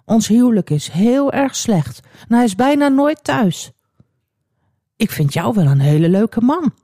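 A pushy, scheming married woman from a children's storybook, as a female narrator puts her on, pressing and insistent in a raised, lively voice. The sound is close and dry, with a warm, mellow tone. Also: on the high side, a little slow, no echo, pitched above the performer's own voice. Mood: coaxing. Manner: coaxing and insistent.

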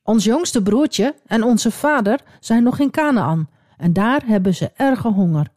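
Worried brothers from a children's Bible story, voiced by a woman reading aloud. They plead earnestly and defend themselves. The voice is warm and lively, and the sound is dry. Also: fairly high pitch, measured pace, no room sound.

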